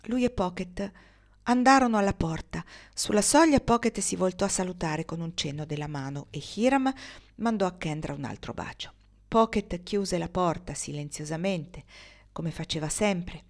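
A woman narrating a literary audiobook, measured and expressive. Her voice sits on the low side and keeps an even, storytelling pace. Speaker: audiobook reader.

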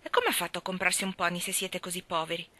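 A woman's voice: on the low side, fast, pushed and bright, no echo. A woman voicing a spoiled, haughty little girl who answers curtly and coldly in a storybook reading. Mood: cold, sulky. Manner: curt, cold replies.

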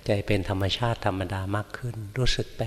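An older man, a Buddhist monk teacher, guiding students with gentle, repeated checking questions in a monastery hall. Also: on the low side, steady tone, fast talker, a little hiss or hum. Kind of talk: dharma Q&A guidance. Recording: echoey hall.

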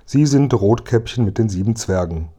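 A man's voice: on the low side, animated, moderate pace, mellow, husky. Man doing cheeky, teasing Kasperl. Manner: teasing and mocking. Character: cheeky puppet boy hero, quick-witted.

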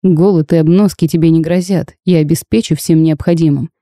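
A woman reading the lines of a cursed male dragon duke in a storybook tale, terse, flat and reserved. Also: deep voice, brisk, dry recording, studio quality, lightly acted. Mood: cold.

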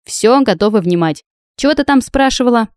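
A woman reading an audiobook, voicing a brash, teasing young female friend who talks loud and breezy. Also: fairly high pitch, animated, fairly quick, smooth, no echo, studio quality, pitched above the performer's own voice, natural voice.

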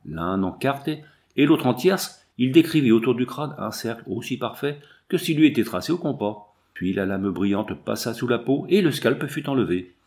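A man narrating an adventure novel in the first person, with a measured, dramatic reading. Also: medium pitch, darkish tone. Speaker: audiobook narrator. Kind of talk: scripted narration.

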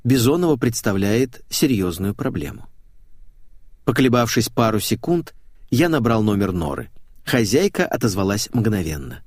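A man's voice: lowish voice, very animated, normal speed, darkish tone, no echo, studio quality. A man narrating a comic novel in the first person, wry and self-mocking. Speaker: audiobook narrator.

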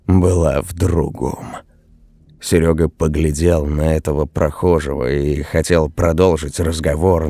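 A man narrating a horror story in a steady storytelling voice. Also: extremely low pitch, no echo, clean studio sound.

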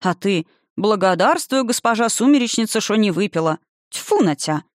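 A woman's voice: mid-range voice, lively intonation, normal speed, no room sound, natural voice. Woman doing a stern old granny witch, rustic talk, grumbly, dry sound. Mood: lecturing. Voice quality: rustic old-fashioned dialect, scolding.

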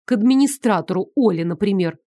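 A woman reads a contemporary novel aloud in a calm, measured way. Her voice sits in a mid pitch and is captured close on a studio mic, dry with no echo. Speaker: audiobook reader. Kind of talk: scripted narration.

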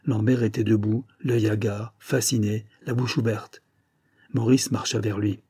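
A man narrating a literary audiobook in a measured, even storytelling manner, close to the mic. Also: lowish voice, breathy edge, dry recording.

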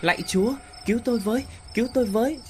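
A man's voice: mid-range voice, lively intonation, moderate pace, soft background music, lightly acted. A man doing a young mother. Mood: terrified. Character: young mother, busy and then terrified.

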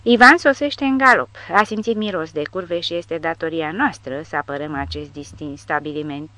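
A woman's voice: low-pitched, fairly even intonation, a bit bright. A woman voicing a swaggering, boisterous male tank sergeant.

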